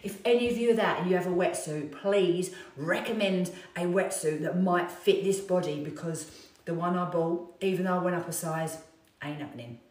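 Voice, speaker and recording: A middle-aged woman, a fitness trainer, telling a self-mocking story to her viewers in a chatty, animated way. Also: fairly low pitch, moderate pace. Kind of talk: casual storytelling chat to viewers. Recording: echoey room, distant mic.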